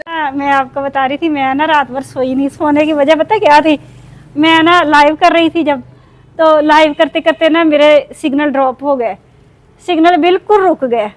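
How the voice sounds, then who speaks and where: A chatty woman in her thirties talks straight to her viewers in a casual home vlog. Her voice sits high and light as she rambles through everyday stories without pause. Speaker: vlogger.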